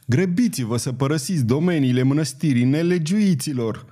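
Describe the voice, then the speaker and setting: A man reading an audiobook, voicing a suspicious old nun with a shrill, squeaky voice who snaps and scolds. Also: expressive, mellow. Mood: scolding. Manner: snapping, scolding.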